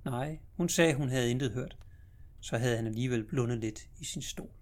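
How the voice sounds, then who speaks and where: Man narrating an audiobook story. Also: mid-range voice.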